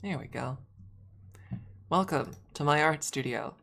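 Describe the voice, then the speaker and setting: Chatting casually with her stream, a young woman speaks in a low, gravelly, slightly snuffly voice at a somewhat slow pace. She rambles, restarts sentences, and sometimes drops into a soft, breathy hush.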